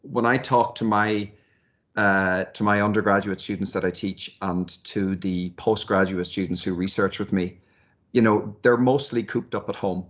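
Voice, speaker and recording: Thoughtful of man, lowish voice. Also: steady tone, normal speed, a bit bright. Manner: thoughtful, hesitant, repeats words as he forms ideas. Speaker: university lecturer and researcher, interviewee. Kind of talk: conversational interview answers.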